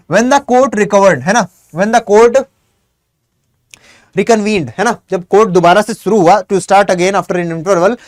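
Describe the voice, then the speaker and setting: Lively guy teacher explaining a lesson, high voice, dry close sound. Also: dry recording. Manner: lively, chatty, addresses students directly. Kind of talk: exam-prep lecture, reads English text slowly and explains in Hindi.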